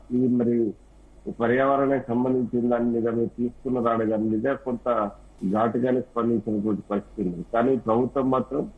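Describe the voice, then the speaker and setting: A man speaking as a political analyst in a live news debate, in halting, rambling speech full of fillers and restarts. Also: mid-range voice, slightly rough. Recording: tinny phone-line audio.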